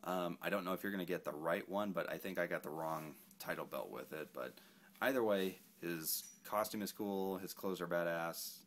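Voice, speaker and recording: Laid-back male toy reviewer, very low voice, rambling and self-correcting. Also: moderate pace, a bit bright. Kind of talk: casual action figure review.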